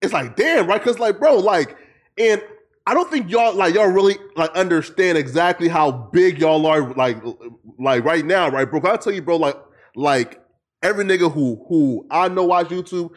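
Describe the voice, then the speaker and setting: A man in his twenties talking in an excitable, slangy casual chat, full of swearing and "bro". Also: high voice, normal speed. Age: 20s.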